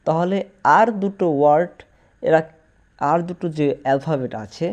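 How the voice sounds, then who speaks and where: A man giving an explanatory language lesson, repeating each point slowly and firmly. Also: fairly high pitch, darkish tone, highs cut off. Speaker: English teacher.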